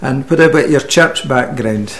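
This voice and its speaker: A man interviewing a guest, asking brisk, chatty prompting questions. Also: mid-range voice.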